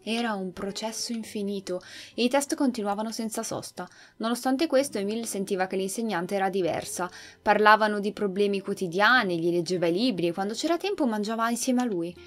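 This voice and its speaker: A woman hosting a gaming channel, reading a game's story aloud in an expressive storytelling manner. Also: mid-range voice, fairly quick, hardly any pauses, soft background music.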